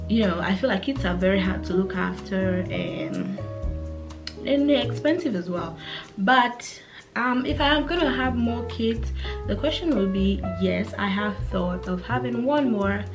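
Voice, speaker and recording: Music runs under this casual to-camera vlog by an African woman in her twenties. Her medium-pitched talk is relaxed and loose, full of fillers and false starts.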